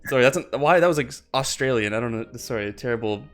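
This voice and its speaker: A man's voice: mid-range voice, lively intonation, quick pace, a bit bright, soft background music. Man explaining in a podcast chat. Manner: explanatory, self-correcting. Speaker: podcast co-host. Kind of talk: casual chat.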